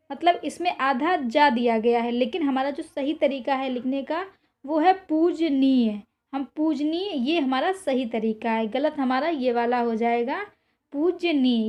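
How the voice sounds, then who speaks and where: A woman with a high voice runs an exam-prep spelling lesson. She draws each word out slowly and says it more than once. She keeps telling her students to remember it. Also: a little mellow. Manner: repetitive, drawn-out spelling of words; reminds students again and again. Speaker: teacher.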